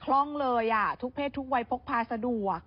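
A woman's voice: sits high, steady tone, a little fast, dull audio. A woman co-hosting a casual news show, who presents and demonstrates gadgets in a friendly way.

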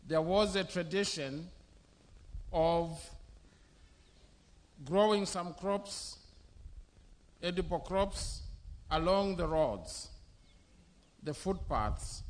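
A middle-aged bishop preaches into a podium microphone under an open-air canopy. His voice sits a little high for a man, and he delivers the sermon very slowly, one short phrase at a time. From Zambia. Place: outdoor covered church venue.

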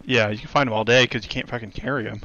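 A man's voice: mid-range voice, rapid-fire, muffled recording. A man streaming a VR shooter with friends, chatting casually and swearing often over a headset. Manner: relaxed, swears casually, calls out in-game. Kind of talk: casual gaming chat.

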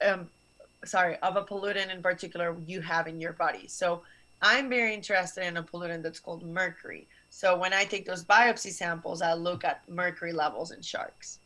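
Over a rough webcam recording, a young Barcelona-born guest scientist earnestly explains science to students from a small office, her hands moving as she talks. She speaks fairly quickly in a lowish, pushed, bright voice with fairly even intonation.

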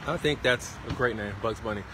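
Here the same kind of middle-aged farm stand vendor is livestreaming outdoors by a street under a tent, his repetitive, enthusiastic promotional chatter coming out brisk and sharp-toned. A phone held around arm's length captures it, along with a lot of street noise.

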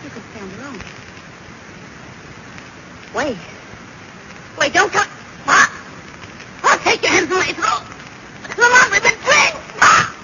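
An anxious, loyal female sidekick with a high voice. She speaks in 1940s radio style on a noisy recording. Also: sing-song, normal speed, pauses often. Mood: alarmed. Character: anxious, loyal young lady sidekick of a detective.

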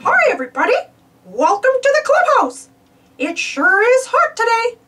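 Woman doing a very high, cheerful cartoon mouse, Mickey Mouse. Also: huge pitch swings, moderate pace, pushed and bright, far from the mic, faint music behind, heavily acted. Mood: cheerful, eager. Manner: exclamatory, upbeat, addresses children directly. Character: cheerful eager cartoon mouse leader, male, small. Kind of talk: children's storybook character voice.

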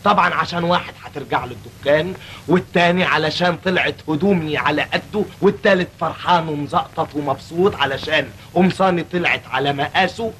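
An actor playing a put-upon young shop clerk who talks himself out of dying, with quick comic patter and an Egyptian accent. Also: male voice, fairly high pitch, fairly bright tone, slight background noise, natural voice, low-quality recording. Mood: preachy. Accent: Egyptian Arabic.

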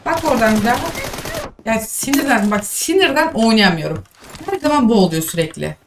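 Streaming a mobile shooter, a young woman reacts live in an animated, fairly quick, slightly high voice, her comments exasperated and scolding. Game noise comes through on the distant microphone.

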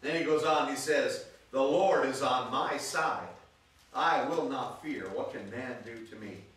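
Male pastor, sermon; bright, unhurried delivery, reads scripture and calls out to the congregation; booming room echo, distant mic. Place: church sanctuary. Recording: echoey church room, voice from a distance.

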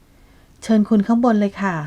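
A woman's voice: measured pace, warm tone, dull audio, close to an everyday voice. A woman doing a weary loyal secretary. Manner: polite, tired.

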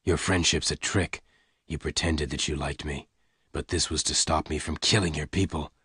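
A man voicing a calm, slow-talking gunfighter of the Old West in an audiobook, gentle but hard-edged. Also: a bass voice, slightly rough, dry recording, clean studio sound, pitched below the performer's own voice, exaggerated voice. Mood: calm, hurt. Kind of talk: audiobook character dialogue.

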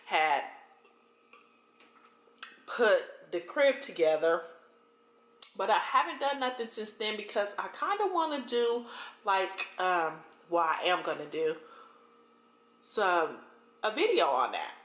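Slow-talking American woman chatting while eating. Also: mid-range voice, sing-song, a bit bright. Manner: chewing and eating while talking, in broken phrases. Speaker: mukbang host and vlogger. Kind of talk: casual eating-show chat. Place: home kitchen, indoors. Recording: roomy kitchen echo. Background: cutlery and dish clinks.

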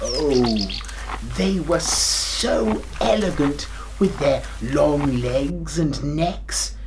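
Against a noisy background, a middle-aged man voices a kindly old king of a grandad who keeps forgetting things, telling a tale for little ones. His highish voice goes extremely slowly, jolly and hammy, with expressive rises and falls, put-on hesitations and chuckles.

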